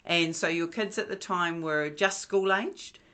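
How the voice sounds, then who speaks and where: Gentle, measured interviewer. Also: medium pitch, smooth. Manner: gentle, measured, summing up for listeners. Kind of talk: interview questions.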